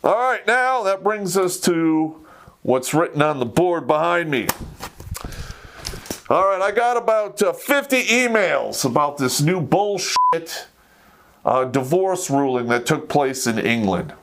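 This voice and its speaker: Speaking a little slowly with big swings in his fairly high, bright voice, an American man hosts a talk show and delivers an opinionated live rant to camera. He's blunt, swears freely and keeps it conversational, with slight background noise.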